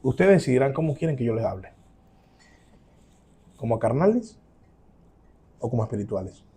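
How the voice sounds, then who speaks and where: A man preaching as a pastor, emphatic, acting out quoted voices with sudden loud rises, then closing in prayer. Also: mid-range voice, very animated, moderate pace, creaky, husky. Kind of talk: sermon.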